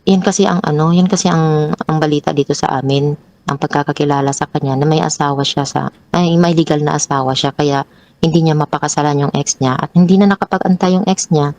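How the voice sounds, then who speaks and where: A young woman shares a troubling personal story as a guest, speaking briskly. Retelling arguments makes her animated and pushes her pitch high, and she keeps restarting and repeating words in this emotional account.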